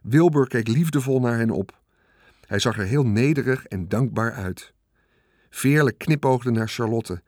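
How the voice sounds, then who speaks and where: Calm male storybook narrator. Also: medium pitch, unhurried, no room sound, studio quality. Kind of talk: storybook read-aloud.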